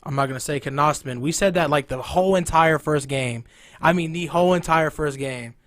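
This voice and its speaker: A man's voice: on the high side, moderate pace, a bit bright, dry recording, clean studio sound. A man hosting a local sports talk show in a casual, conversational style. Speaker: host of a local high school sports show.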